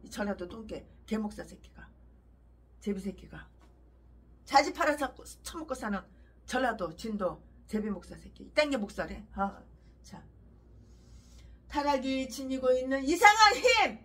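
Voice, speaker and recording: A woman's voice: high-pitched, sing-song, a little slow, long pauses, fairly bright tone, husky. A woman pastor giving a fiery sermon, ranting harshly with repeated emphatic phrases.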